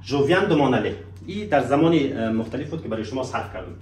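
A man teaching a French lesson, slowing right down on example phrases and asking students to repeat them. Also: mid-range voice, expressive, a little mellow, distant mic. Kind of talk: spoken language lesson with slow example phrases. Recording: roomy echo, voice from off the mic.

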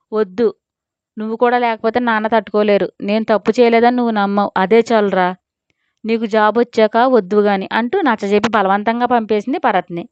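Woman reading a dramatic story, smooth voice. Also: on the high side, no room sound, lo-fi sound. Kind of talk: scripted audiobook narration.

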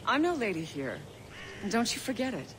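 A woman playing a stern female assassin teacher who gives orders in a dry, teasing way, heard as game audio under loud noise. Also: fairly high pitch, big pitch swings, a little fast.

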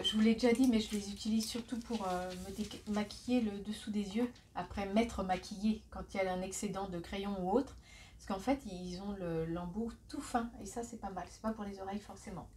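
A woman's voice: medium pitch, a little mellow, a little hiss or hum. Chatty, giggly Frenchwoman in her forties. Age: 40s. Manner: chatty, giggly, self-mocking asides. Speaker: vlogger. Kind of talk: casual shopping haul vlog. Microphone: phone camera.

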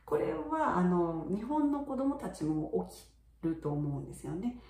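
A chatty middle-aged woman teacher explains in a relaxed, friendly lesson, her pitch rising and falling a lot. Her voice is mellow and dark in tone, and it sounds roomy, as if the mic is a little way off. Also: unhurried, far from the mic. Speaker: English teacher for young children. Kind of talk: casual video lesson.

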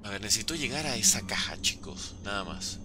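Excitable man commentating gameplay. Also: fairly low pitch, a little fast, very noisy. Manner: excitable, jokey, exclaiming. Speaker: gaming host. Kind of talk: let's play commentary.

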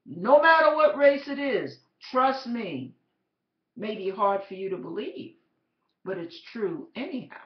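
Woman blogger with a preachy storytelling tone, slow and animated, asks many rhetorical questions. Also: fairly high pitch. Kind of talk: storytelling exhortation. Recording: roomy, slightly dull.

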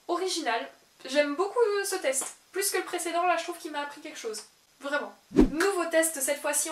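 A young adult woman who runs a book channel chats casually and laughs often while working through online quizzes. Her voice sits high with a fairly bright tone, recorded in an echoey room with faint hiss.

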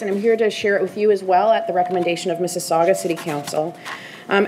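A woman's voice: mid-range voice, darkish tone, a little hiss or hum. A woman presenting a report to a council from a podium microphone, speaking in an earnest, informative way. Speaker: food bank executive director presenting as a delegate. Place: council chamber.

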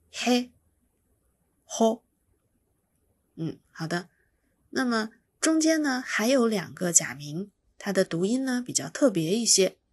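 A woman's voice: mid-range voice, slightly rough, no room sound. A woman teaching pronunciation, patiently explaining each sound and demonstrating it by repeating it. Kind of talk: slow instructional explanation.

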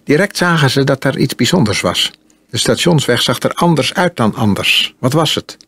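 A man narrating an audiobook in a calm, measured storytelling manner. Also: mid-range voice, slightly rough. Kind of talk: audiobook reading.

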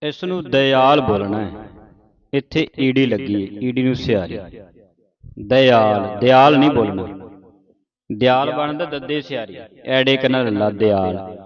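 A man from Punjab slowly teaching scripture pronunciation, saying each word deliberately and chanting the verses in a sung tone. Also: medium pitch. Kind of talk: slow recitation lesson with call and response. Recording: muffled audio over a gathered group. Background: group of students in the room.

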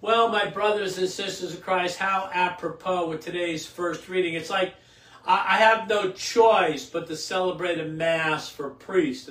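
Older male priest, fairly high voice, steady reading, then a loose homily, distant and echoey. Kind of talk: scripture reading and homily at Mass. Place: small indoor home chapel. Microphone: camera a few feet away. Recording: roomy echo, distant from the mic.

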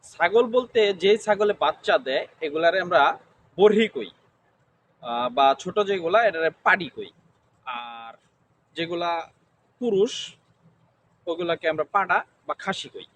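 High voiced guy w/ gazipur accent answering slow, faint ambient noise. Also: lively intonation, a bit bright. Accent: Gazipur Bengali dialect. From Gazipur, Bangladesh. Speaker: interviewee. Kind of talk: street interview answers.

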